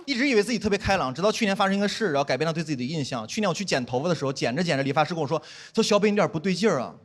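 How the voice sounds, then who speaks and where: A man's voice: fairly high pitch, rapid-fire. A young man performing a self-mocking stand-up comedy set on stage before a live audience. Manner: animated, self-mocking punchlines.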